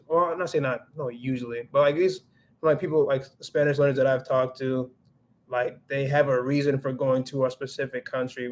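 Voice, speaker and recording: Here a young livestream host with a medium-pitched, slightly mellow voice chats loosely while reading comments. He switches between English and Spanish, restarting often and filling gaps with "like."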